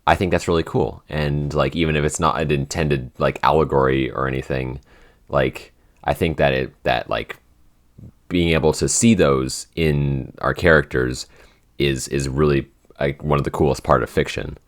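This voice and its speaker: A young man in his twenties, a writer and director co-hosting a podcast, rambles through a casual behind-the-scenes Q&A chat. He fills it with "like," restarts and easy laughs. His bass voice has fairly even intonation and a normal speed.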